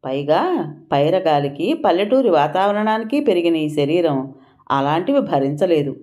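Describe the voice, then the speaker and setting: A woman's voice: deep voice, big pitch swings, moderate pace, dark tone. A woman voicing a stubborn young village woman who talks bluntly and complains. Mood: grumbling.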